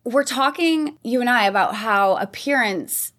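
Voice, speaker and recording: A woman's voice: a little high, expressive, a little slow. A woman hosts a podcast interview in an easy, conversational way. She encourages her guest with small affirmations, then lays out a thoughtful question at length. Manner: warm affirming listener, gentle questions. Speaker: podcast host.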